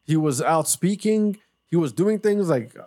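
A man co-hosting a casual podcast chat, laughing often and sounding excitable. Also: fairly high pitch, unhurried, no room sound. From Saudi Arabia. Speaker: podcast co-host.

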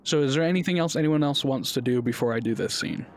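A man narrating a tabletop game as game master in a relaxed, chatty way with many fillers. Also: mid-range voice, quick pace.

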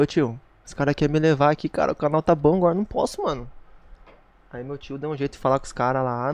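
A young man in his twenties, a guest on a casual podcast, telling stories in a quick, animated way. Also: on the high side, dry recording. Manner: lively storyteller, quick and animated. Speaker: guest YouTuber.

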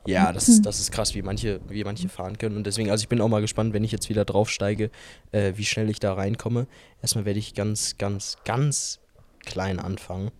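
A man's voice: lowish voice, a little fast, a little mellow, no room sound. Hesitant young man in a dry room. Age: young adult. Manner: hesitant, with stammered restarts. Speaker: podcast co-host. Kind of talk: casual chat.

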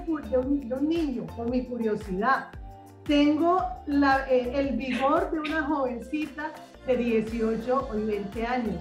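A woman in her fifties talks with lively enthusiasm, often circling back over her words. Her voice sits high and rings with room echo, since she is heard from some distance off the mic. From Colombia. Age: 50s. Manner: enthusiastic, repeats words while searching for them. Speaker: guest, communicator and author. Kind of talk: radio interview conversation.

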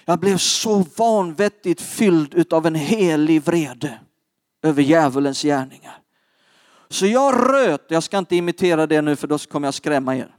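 A man preaching a testimony with dramatic swings between hushed asides and fervent peaks. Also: fairly high pitch, animated, no echo, studio quality. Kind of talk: sermon testimony.

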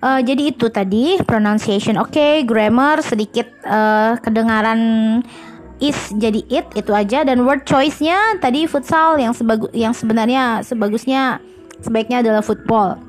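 A woman teacher talks through her students' recordings on a podcast, patient and explanatory. Her voice sits somewhat high, and she often pauses on hesitant fillers as she explains. Faint music plays quietly behind her. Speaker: English teacher and podcast host.

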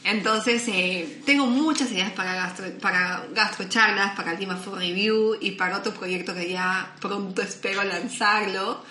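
A Peruvian woman, a food content creator, chatting casually as a podcast guest and telling animated stories with quoted dialogue. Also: medium pitch, moderate pace, hardly any pauses, echoey room, a little hiss or hum. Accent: Peruvian Spanish. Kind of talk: casual interview chat.

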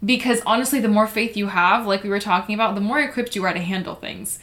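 A woman's voice: mid-range voice, fast, fairly bright tone, soft background music. A woman co-hosting a casual faith discussion podcast, talking earnestly and emphatically with frequent fillers. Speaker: podcast co-host.

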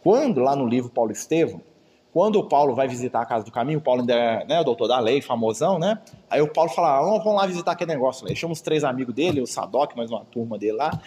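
A man's voice: mid-range voice, expressive, fast talker, darkish tone, a little hiss or hum. A man with a chatty manner, giving an informal Bible study lecture. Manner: chatty, keeps asking "né?". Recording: long hall reverb.

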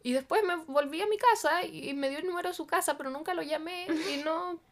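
A woman's voice: very high voice, brisk. A young woman with a Chilean accent in casual chat, slangy and self-mocking as she tells a story. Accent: Chilean Spanish. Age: young adult.

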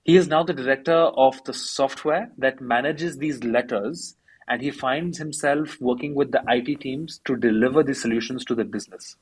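A man co-hosting a podcast, introducing the guest in a friendly, brisk way. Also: mid-range voice, breathy edge, low-quality recording. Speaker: podcast co-host.

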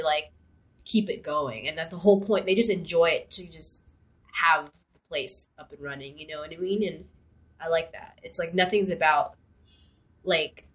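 Young woman podcast co-host, low-ish voice, rambling casual storyteller. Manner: rambling, many fillers and restarts. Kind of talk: casual chat.

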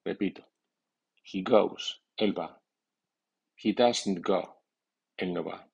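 A man teaching English pronunciation, slowly drilling example sentences one by one and explaining the rules in a measured way. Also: sits low, creaky, a little mellow, breathy edge, highs cut off. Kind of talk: slow, deliberate language drill.

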